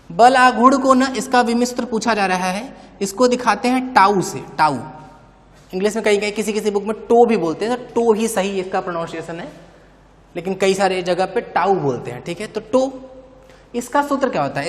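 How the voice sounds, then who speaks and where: A man teaching a physics class, asking questions and then answering them himself, and often calling his students "bhai". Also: very high-pitched. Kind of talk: chalkboard physics lecture. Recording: long reverb, roomy classroom sound.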